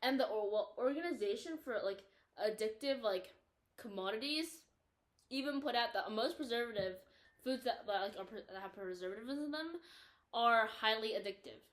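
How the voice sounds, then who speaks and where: A teenage girl co-hosts a podcast, chatting casually and telling animated stories. Her voice sits a touch high, and she fills her sentences with "like" as she talks. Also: moderate pace. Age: teens. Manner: chatty, animated, heavy use of "like". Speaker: podcast co-host. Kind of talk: casual chat and storytelling.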